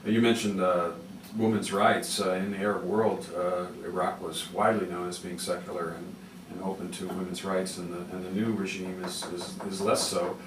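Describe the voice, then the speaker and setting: A man's voice: sits low, level tone, moderate pace. A man hosting a public radio interview, talking in a hesitant, digressive, rambling way. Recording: roomy, noisy, distant-mic radio interview.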